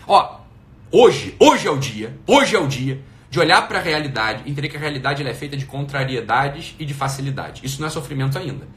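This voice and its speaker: A man's voice: mid-range voice, lively intonation, a little fast, a bit bright. A middle-aged man giving an emphatic, profane motivational talk, firing off rhetorical questions. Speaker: motivational speaker.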